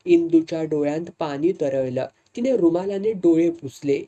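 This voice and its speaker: A woman reading a story aloud in a steady, measured way. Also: low voice, muffled recording.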